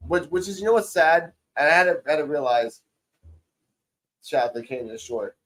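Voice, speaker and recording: A man's voice: a little high, animated, moderate pace, fairly bright tone, rough recording. Profane rambling man in his forties. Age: 40s. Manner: loose, profane, rambling recaps. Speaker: podcast co-host. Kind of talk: casual wrestling review chat.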